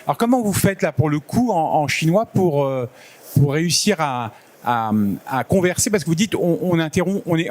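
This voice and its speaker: A man in the audience asking a question at a conference, halting and restarting often. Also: fairly high pitch, darkish tone. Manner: hesitant, many restarts. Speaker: audience member.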